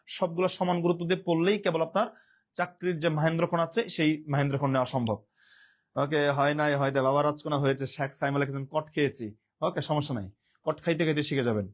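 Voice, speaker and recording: A man teaching a live online class, speaking a little high for a man. He repeats key words over and over and reads out viewers' comments as he goes, slipping English words into his talk.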